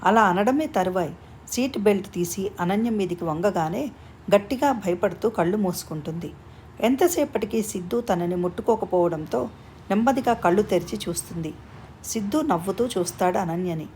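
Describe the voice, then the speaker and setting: A woman narrating a story in a calm, even reading manner. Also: medium pitch, normal speed, slight background noise.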